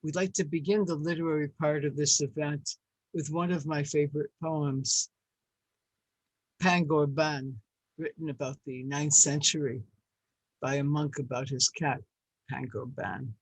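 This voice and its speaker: Woman host, slow halting introductions, dry close mic on a video call. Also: sits low, steady tone, slightly rough, no room sound, poor audio. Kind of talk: hosting a literary event on a video call.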